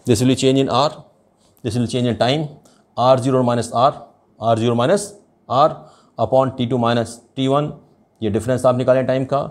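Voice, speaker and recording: With a medium-pitched voice and fairly even intonation, an older man teaches chemistry at a board. He has an Indian accent and explains slowly and deliberately, blending Hindi and English.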